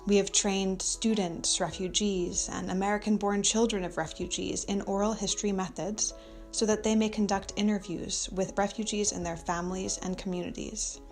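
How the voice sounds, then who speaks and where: Measured woman narrating a program overview. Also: medium pitch, fairly even intonation, darkish tone. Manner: measured and formal. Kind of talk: scripted narration. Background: faint background music.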